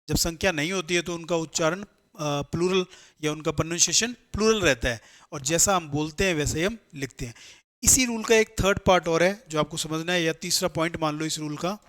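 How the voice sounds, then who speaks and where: A man's voice: a little high, fairly bright tone. Male teacher lecturing step by step. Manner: explains step by step, asks and answers his own questions; mixes Hindi with English terms. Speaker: English teacher for competitive exams. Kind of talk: classroom lecture.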